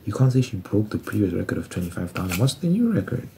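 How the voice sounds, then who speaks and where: On his ASMR channel, a twenty-something musician and creator chats in a casual, rambling way, thinking out loud and doing arithmetic to himself. He sounds very animated and quick, with a lowish, gravelly yet mellow voice, and a little hiss or hum runs under the audio.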